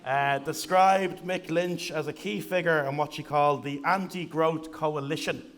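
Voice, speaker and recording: A man's voice: fairly high pitch, fairly even intonation, measured pace, noisy background. A man hosting a live stage interview, joking wryly and chuckling at his own remarks. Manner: jokey, wry, chuckles at his own lines. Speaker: podcast host, interviewer.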